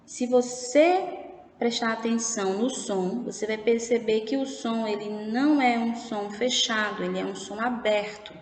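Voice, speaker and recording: A Brazilian woman teacher giving a recorded remote lesson, explaining slowly and patiently and often checking in with her pupils. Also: a little high. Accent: Brazilian Portuguese. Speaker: primary school teacher. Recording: echoey room with faint background noise.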